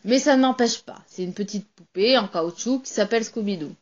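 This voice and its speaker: A woman doing a loud, boozy sailor, lo-fi. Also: on the high side, fairly quick, natural voice. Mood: boisterous. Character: hearty, boozy adult male sailor.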